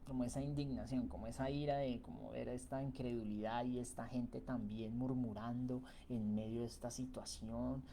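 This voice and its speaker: A man's voice: mid-range voice, fairly even intonation, normal speed, hardly any pauses, dark tone, a little hiss or hum. Conversational man preaching a Bible reflection. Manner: conversational, many fillers and tag questions.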